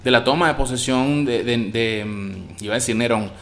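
A man's voice: mid-range voice, fairly even intonation, moderate pace. A man with a Venezuelan accent giving a casual spoken review of a series, slangy and enthusiastic, often trailing off and restarting words.

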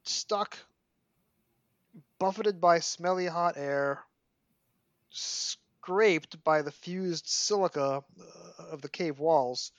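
The man talks extremely slowly with long pauses, his scratchy voice on the high side and his Brooklyn accent clear, with no room sound in the recording. As a podcast host chatting and reading book passages aloud, he plays the animated, mock-dramatic storyteller.

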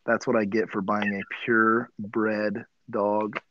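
Heard through dull audio with background noise, this podcast co-host in his mid-thirties speaks slowly with a fairly low, monotone pitch. He's easygoing and chatty in casual conversation, leans on "dude," and gets riled up when ribbed.

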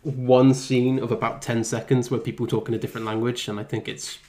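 A man's voice: mid-range voice, level tone, fairly quick, a crowd in the background. Man, hesitant, lots of um, dry humour, casual. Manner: hesitant, many ums and restarts, dry humour. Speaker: podcast co-host. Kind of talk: casual chat.

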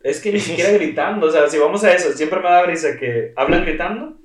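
A man's voice: on the high side, brisk. Chatty male podcast guest in echoey room. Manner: chatty, talkative, repeats "o sea". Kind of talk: casual podcast chat. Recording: roomy echo.

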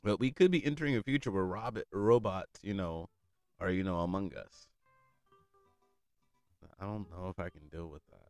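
Young guy with a deep smooth voice, rambling and cursing, laughs a lot, dry close sound. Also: no room sound. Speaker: friend catching up. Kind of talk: casual chat.

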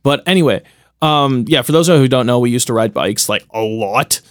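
A young man co-hosting a podcast in casual chat, excitable and swearing, often restarting his sentences. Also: mid-range voice, a little fast, no echo, studio quality. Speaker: podcast co-host.

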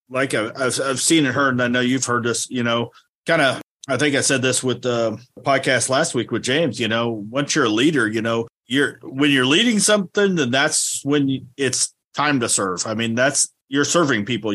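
A man's voice: mid-range voice, normal speed, sharp tone. A male podcast host in easy conversation, agreeing readily and stumbling through restarts as he shapes his thoughts. His voice sits in an ordinary mid register. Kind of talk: casual podcast interview.

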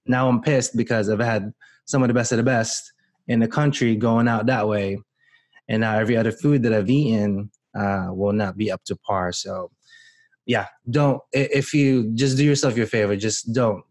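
A Filipino man appears as a guest on a podcast, chatting casually and rambling with frequent restarts. His voice is on the low side and a little mellow.

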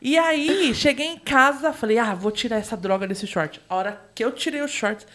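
A woman's voice: on the high side, moderate pace, fairly bright tone. A young Brazilian woman telling a funny story in casual chat, dramatic and laughing often.

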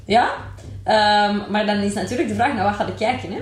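A woman's voice: mid-range voice, brisk. A woman with a Flemish accent chatting candidly and informally, with English exclamations mixed in. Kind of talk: casual, candid group chat. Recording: echoey room.

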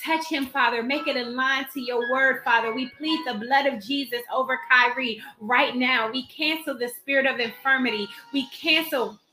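A woman's voice: sits high, moderate pace, few pauses, pushed and bright. A woman leading a live prayer meeting, praying urgently over the sick in repeated, declarative invocations. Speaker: prayer leader and Bible teacher. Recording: roomy echo, faint music behind.

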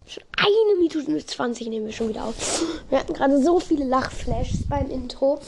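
A woman's voice: high voice, dark tone. A young woman chatting casually and telling bad jokes as a podcast host, silly and easily breaking into giggles. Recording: clearly noisy amateur home recording.

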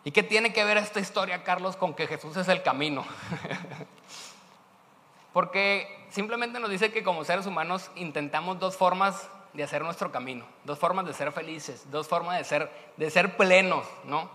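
In an echoey church hall, a pastor with a Mexican Spanish accent delivers a storytelling sermon in a relaxed, conversational style, frequently adding tag questions. His high voice sounds bright and forceful, moving at a normal speed.

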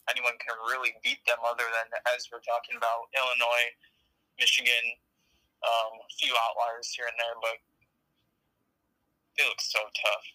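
A man's voice: mid-range voice, pushed and bright, no room sound, poor audio. A man, a guest on a sports podcast, musing hesitantly over his picks in casual chat.

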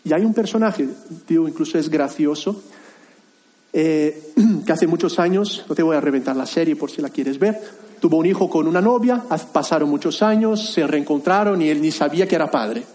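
A man pastor preaching a sermon in an earnest, halting way, with many pauses and restarts. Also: on the high side, a little mellow. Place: church hall.

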